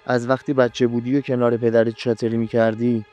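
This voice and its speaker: A man voicing a young female jinn who is obsessed and possessive, speaking softly with a menacing edge. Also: medium pitch, little pitch movement, faint music behind, natural voice.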